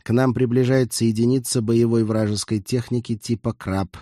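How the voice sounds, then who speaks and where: A man's voice: medium pitch, level tone, moderate pace, warm tone, no room sound, clean studio sound, lightly acted. A man voicing a terse male cyborg soldier in an audiobook, speaking in clipped, formal military phrasing. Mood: clipped report.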